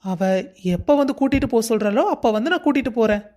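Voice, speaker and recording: A woman voicing a caring young husband in a cartoon story who teases gently and reassures his wife. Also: on the high side, fast talker, natural voice. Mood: reassuring. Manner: warmly teasing, reassuring. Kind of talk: Tamil cartoon voice acting.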